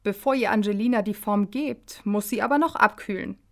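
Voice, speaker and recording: A woman voicing a calm, kindly male angel who blows glass, in a children's story. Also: medium pitch, brisk, gravelly.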